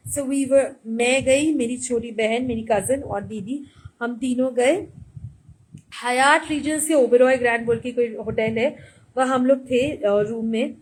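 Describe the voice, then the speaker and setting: A woman vlogger telling a sarcastic, animated story in a mocking monologue. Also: fairly high pitch, breathy edge, rough recording. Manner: animated, mixes Hindi and English, mocking.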